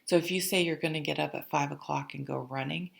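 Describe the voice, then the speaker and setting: A woman's voice: sits low, fairly even intonation, fast talker, gravelly. A woman giving a casual, conversational tarot horoscope reading, rambling informally with offhand asides. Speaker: tarot reader, channel host.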